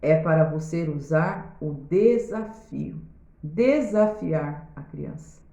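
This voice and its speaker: A woman's voice: deep voice, animated, takes it slowly, vocal fry, mellow, slight background noise. A woman with a Brazilian Portuguese accent, a pedagogue giving parenting tips in a casual video, talking straight to viewers and often checking in with them. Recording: roomy, slightly dull sound.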